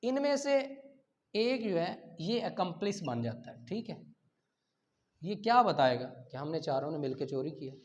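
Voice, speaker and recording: A man with a Pakistani accent gives an explanatory law lecture full of examples, posing questions and then answering them himself. His voice is slightly high, a little mellow and sing-song, and he speaks unhurriedly, switching between Urdu and English legal terms. The recording sounds dull and lo-fi.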